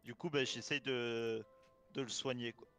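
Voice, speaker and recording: A man playing a tabletop game, chatting casually in halting, repetitive phrases. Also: medium pitch, fairly even intonation, fairly bright tone. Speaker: player. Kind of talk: casual tabletop role-play chat. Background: background music.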